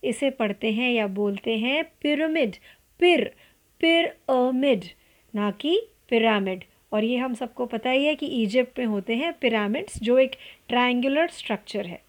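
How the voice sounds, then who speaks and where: A woman's voice: fairly high pitch, normal speed. A woman with an Indian accent giving a pronunciation lesson, spelling words out letter by letter and repeating each word as a drill. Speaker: English pronunciation teacher.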